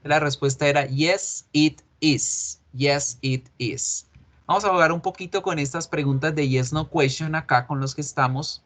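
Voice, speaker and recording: Male English teacher, slightly high voice, patient, repeats examples slowly. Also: fairly even intonation, a bit bright. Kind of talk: online class lecture.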